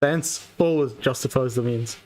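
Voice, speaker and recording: A man chatting casually on a live stream as he reacts to videos, halting and rambling, often repeating himself. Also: medium pitch, a little mellow, low-quality recording.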